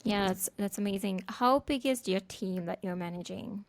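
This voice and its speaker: A woman hosting a podcast, chatty and upbeat, asking questions and sharing her own story. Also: mid-range voice. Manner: chatty, quick to laugh, upbeat. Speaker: podcast host. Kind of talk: casual interview chat.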